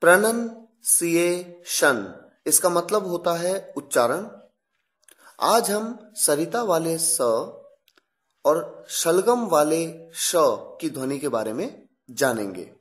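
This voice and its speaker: Woman teacher, lesson voice, unhurried, lively pitch, careful repetition. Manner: drawn-out words, repeats sounds for practice. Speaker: English pronunciation teacher. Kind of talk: slow, deliberate classroom explanation.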